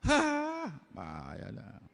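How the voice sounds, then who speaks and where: A man with a Betawi Jakarta accent preaching a fiery sermon, loud, blunt and forceful, with slangy talk. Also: very high voice, wildly swooping pitch, drawn-out words, gravelly, in a large hall.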